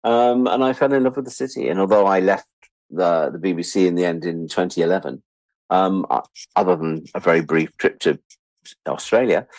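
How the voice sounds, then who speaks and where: Deep, brisk and darkish in tone, the voice comes through with no room sound but poor audio. It belongs to a roughly sixty-year-old British man, a freelance media producer on an interview, who muses casually and candidly with wry humor, repeating words to drive points home.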